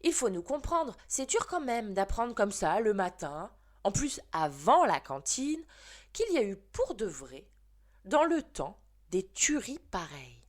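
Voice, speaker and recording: A woman reads a children's book aloud and tells the story expressively. Her pitch moves lively and wide, in a mid-range voice. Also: measured pace. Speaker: reader.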